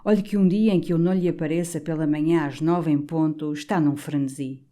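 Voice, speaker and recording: A woman voicing a portly, jovial older male canon, talking in an animated, confiding, doting way. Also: a little high, brisk, natural voice.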